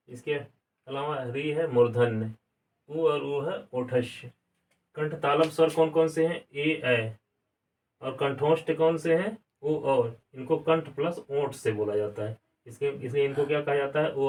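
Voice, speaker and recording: A male grammar teacher giving a classroom lesson, asking questions and answering them himself, repeating key words. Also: medium pitch. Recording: distant mic, some room sound.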